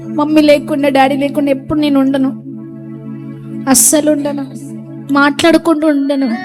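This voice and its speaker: A woman of a ministry giving an emotional church testimony, earnest and repeating her phrases for emphasis. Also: sits high. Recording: clear background music under the voice.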